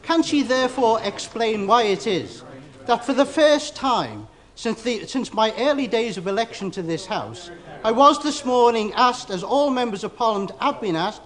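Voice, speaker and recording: Very high-pitched man in heated parliamentary debate. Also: expressive. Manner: indignant, halting, raised voice. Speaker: opposition member of parliament. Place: large parliamentary chamber. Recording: chamber with loud crowd.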